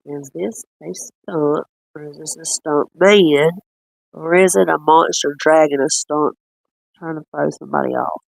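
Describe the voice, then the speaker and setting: A man chatting casually while reviewing footage, rambling and quick to laugh. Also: a little high, steady tone, vocal fry, no room sound. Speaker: cryptid-hunting streamer.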